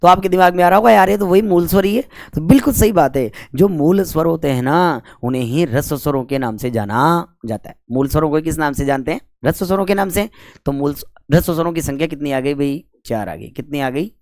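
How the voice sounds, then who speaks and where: A man's voice: a little high, fairly quick, a little mellow, no echo. Man, grammar teacher, question-and-answer drilling, joking asides, dry room. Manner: asks the class questions and answers them himself, drawing out the vowel sounds; chatty, with jokes between the rules. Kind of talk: exam-prep lesson.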